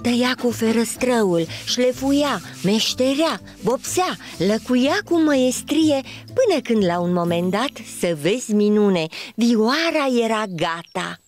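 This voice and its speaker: Lively woman reading a children's story. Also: a little high, few pauses, soft background music. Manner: animated, storytelling lilt. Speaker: narrator.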